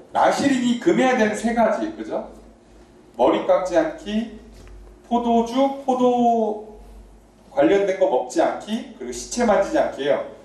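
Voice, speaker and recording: Male pastor, mellow voice, preaching from across an echoey church hall. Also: sits high, recorded from a distance. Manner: animated, conversational preaching with questions to the congregation. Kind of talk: sermon. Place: church sanctuary.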